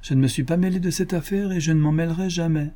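A man's voice: a little high, fairly even intonation, quick pace, mellow, voice pushed up, lightly acted. A man voicing a stubborn, principled older country doctor who speaks in a firm, indignant, emphatic way, in an audiobook.

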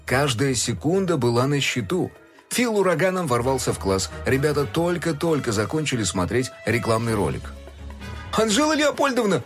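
A man narrating a children's storybook with expressive, animated delivery. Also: mid-range voice, moderate pace. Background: faint music.

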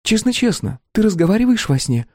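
A man's voice: high voice, very animated, brisk, a little mellow, no echo, clean studio sound, voice pushed up. A man voicing a carefree, playful young woman who talks in a wheedling, theatrical way.

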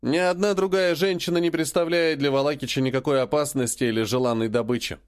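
A man voicing a stern alien rebel leader who speaks in a cold, grim, measured way. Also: fairly high pitch, fairly even intonation, clear, resonant tone, lightly acted.

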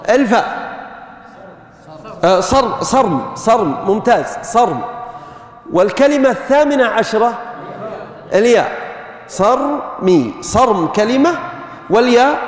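A man teaches a grammar class, walking through each point and putting questions to his students. His voice rings out in a big echoey hall with a long reverb tail. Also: very high-pitched. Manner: explains step by step, quizzing the students. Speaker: grammar lecturer. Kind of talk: classroom lecture.

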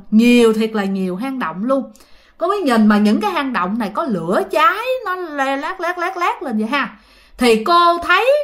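Woman storyteller, high voice, lively swings, colloquial ghost story. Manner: animated, colloquial, repetitive. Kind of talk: spoken ghost story addressed to viewers.

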